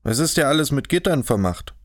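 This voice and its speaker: A man's voice: mid-range voice, lively intonation, a little fast, no room sound, clean studio sound, voice pushed up, lightly acted. A man voicing a naive, earnest young man in an audiobook, speaking plainly and insistently. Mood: puzzled.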